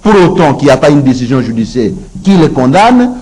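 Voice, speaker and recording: A man from Congo speaks as a talk-show guest in an even, mid-range voice. He talks with emphasis and builds his points through rhythmic repetition. He slips freely between Lingala and French. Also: medium pitch, a little fast, slightly rough, poor audio. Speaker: guest commentator. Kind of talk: political talk-show discussion.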